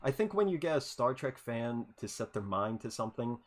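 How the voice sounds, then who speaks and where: A man's voice: mid-range voice, very animated, fairly quick. Stammering, eager man hosting an interview. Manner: enthusiastic, stammers and repeats words. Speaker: podcast host. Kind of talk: casual interview chat.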